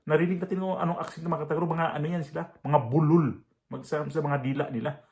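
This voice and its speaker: A man's voice: a little high, steady tone, fast talker, a little mellow. A man with a Visayan accent giving casual reaction commentary in a blunt, proud way. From Visayas, Philippines. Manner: proud, blunt, with many fillers and restarts. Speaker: reaction vlogger.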